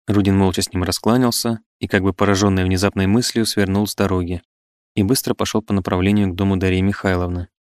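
A man reading scripted literary narration of a classic novel in a measured, even storytelling manner. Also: deep voice, no echo, clean studio sound. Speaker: audiobook narrator.

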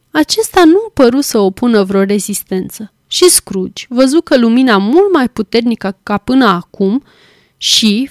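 A woman's voice: a little high, dry recording, studio quality. Woman narrating an audiobook. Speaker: volunteer audiobook reader.

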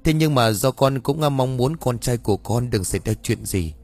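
A man's voice: medium pitch, animated, normal speed, darkish tone, faint music behind. A man voicing an anxious, deferential mother who pleads hesitantly with a shaman. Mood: pleading.

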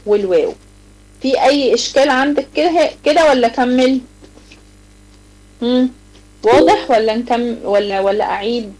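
A fairly high-voiced Egyptian woman teaches tajweed in an online class, walking her students through each rule with repeated questions. She slows right down to chant her examples, stretching every syllable. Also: darkish tone, low-quality recording. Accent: Egyptian Arabic. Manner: explains step by step with repeated questions, slow drawn-out recitation of examples. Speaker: Quran recitation teacher. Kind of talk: online tajweed lesson to girls.

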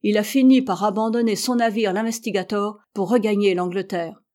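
A woman's voice: mid-range voice, fairly even intonation, a little fast, darkish tone, lightly acted. A woman voicing a stubborn, proud American explorer who argues insistently and heatedly.

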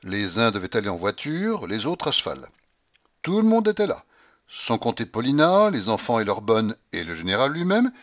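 A man narrating a classic novel as an audiobook, in a measured, expressive reading. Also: medium pitch, lo-fi sound. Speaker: audiobook reader.

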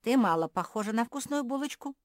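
A woman's voice: on the high side, lively intonation, a little fast, no room sound, pitched above the performer's own voice, close to an everyday voice. A woman voicing a rude, snappy female frog. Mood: mocking. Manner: snapping, sarcastic, loud. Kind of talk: audiobook character voice.

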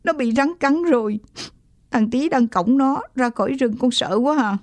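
A woman's voice: high voice, unhurried, darkish tone, no echo, voice pushed up. A woman voicing a frightened young boy who is crying as he tells his father what happened. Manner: panicked, tearful. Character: scared tearful young boy narrator.

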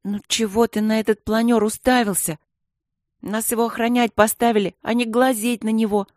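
A woman voicing a cocky, bossy schoolboy who boasts and shouts in a storybook. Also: on the high side, moderate pace, dry recording, studio quality, pitched above the performer's own voice, lightly acted. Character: cocky loud schoolboy boss.

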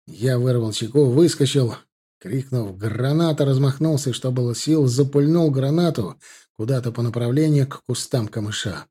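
A man narrating a novel in the first person as an audiobook reader, in a steady, measured way. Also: medium pitch, husky.

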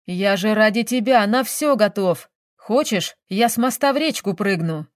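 A woman's voice: medium pitch, animated, normal speed, no room sound, clean studio sound, lightly acted. A woman voicing a playful, whiny grown man, a detective who pleads and wheedles, in an audiobook. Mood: whiny, wheedling.

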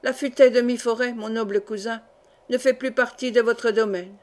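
A woman reading the part of a scheming male steward in a smooth, sly tone. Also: on the high side, steady tone, moderate pace, a little mellow, natural voice.

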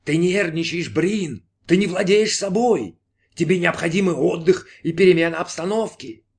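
A man's voice: sits high, normal speed, darkish tone, pitched above the performer's own voice. A man voicing an insistent, mocking inner voice in an audiobook, taunting and urgent.

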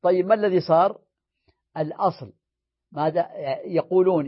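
A man, a sheikh, teaching an Arabic morphology lesson. He chants verb forms in a drill, explains them more quietly, and corrects himself as he goes. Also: husky. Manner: recites paradigms in a sing-song drill, then explains in a lower voice; corrects himself mid-sentence. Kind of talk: classroom grammar lesson. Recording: dull lo-fi lecture recording.

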